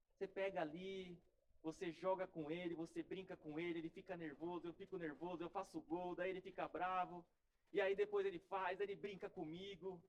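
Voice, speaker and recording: A high-pitched man with a Brazilian Portuguese accent, preaching a sermon in a church. He keeps it conversational, repeats his phrases and speaks straight to the congregation. He sounds to be in his forties. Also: highs cut off. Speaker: pastor.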